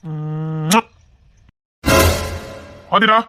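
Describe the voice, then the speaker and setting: A remorseful husband with a Tirunelveli accent murmurs short, quiet replies, as a man acts him out. He speaks very slowly, and his voice has a bright edge. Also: fairly high pitch, faint music behind, full character voice. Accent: Tirunelveli Tamil.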